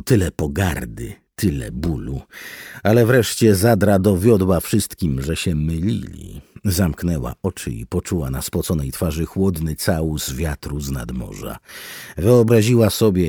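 A man giving expressive, scripted audiobook narration. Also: very deep voice, unhurried, breathy edge, dry recording, studio quality. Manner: expressive storytelling with wide swings.

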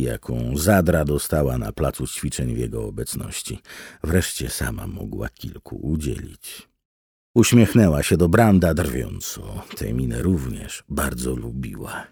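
A man giving expressive, scripted audiobook narration. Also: extremely low pitch, a little slow, gravelly, husky, no echo, clean studio sound. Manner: expressive storytelling with wide swings.

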